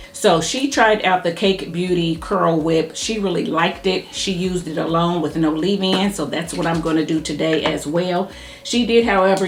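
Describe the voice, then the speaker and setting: A woman chatting casually as she reviews a hair product, talking fast and thinking aloud while she styles her hair. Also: on the low side. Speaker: hair care YouTuber. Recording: echoey room with faint music.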